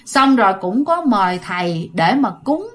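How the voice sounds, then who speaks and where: A woman's voice: medium pitch, big pitch swings, normal speed. A woman with a Southern Vietnamese accent casually narrating a ghost story, chatting directly to her listeners.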